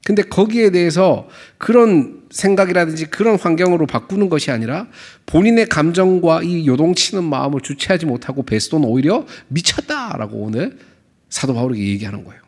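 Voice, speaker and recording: A man's voice: a little high, darkish tone. A young man preaching a sermon to his congregation in a church sanctuary, chatty and playful, joking with listeners and acting out quoted lines. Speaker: pastor.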